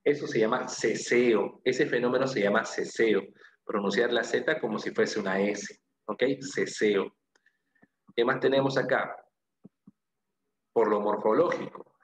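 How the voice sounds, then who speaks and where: A man's voice: on the low side, echoey room, rough recording. A man from Peru with a Peruvian Spanish accent teaching a language class, explaining step by step and repeating key phrases, often checking in with "¿no?" and "¿ok?". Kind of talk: classroom lecture.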